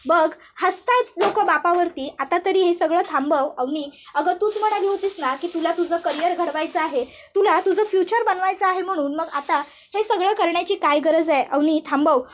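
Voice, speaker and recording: A woman's voice: extremely high pitch, moderate pace, few pauses, slight background noise. Woman reading as an angry pleading father. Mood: pleading shout. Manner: shouting, insistent. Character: angry middle-aged father pleading for his daughter.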